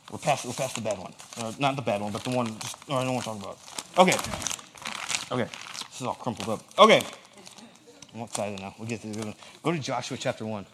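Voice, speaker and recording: A man preaching a casual, lively sermon in a church, joking with the congregation. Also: mid-range voice, a little hiss or hum. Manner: animated, joking asides to the audience.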